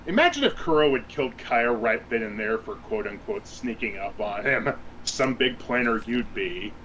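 A man's voice: medium pitch, big pitch swings, normal speed, background noise. A man co-hosting a podcast in casual chat, wry and profane, laughing often. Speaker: podcast co-host.

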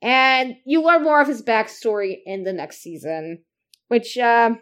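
Her voice is a little high, a bit bright and slightly slow as she co-hosts a laid-back fan podcast. She rambles from point to point, filling gaps with plenty of "like" and "uh."

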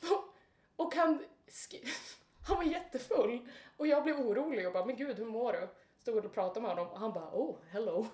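A woman co-hosting a podcast, telling stories in a casual, animated way and acting out quotes. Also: high voice, echoey room. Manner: animated, laughing, acts out quotes. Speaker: podcast co-host. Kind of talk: casual chat, storytelling.

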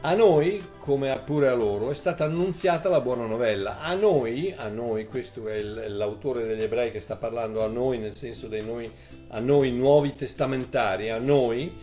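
A man preaching a sermon in an animated way, repeating phrases and rising into emphatic bursts. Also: medium pitch, normal speed, faint music behind.

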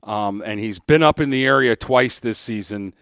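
A man's voice: on the low side, normal speed, fairly bright tone, clear, resonant tone, no room sound, clean studio sound. A man co-hosting a sports podcast in casual chat, easygoing and using lots of fillers.

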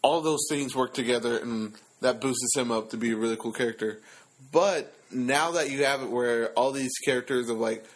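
Casual male co-host, rambling and animated, average pitch. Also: low-quality recording. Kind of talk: casual chat.

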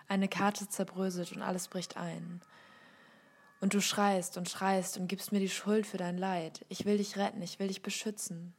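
A woman reads a personal essay aloud in a soft, slow, measured way, her voice often sinking into a whisper. Her voice sits fairly low and stays flat and even, with little rise and fall. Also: gravelly, slightly rough. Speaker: reader of a guest text.

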